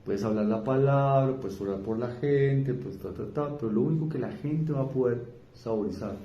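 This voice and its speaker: Colombian pastor preaching in an echoey church. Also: male voice, medium pitch, dull audio. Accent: Colombian Spanish. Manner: swings between fast emphatic repetition and slow quiet asides; asks the congregation questions. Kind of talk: evangelical sermon.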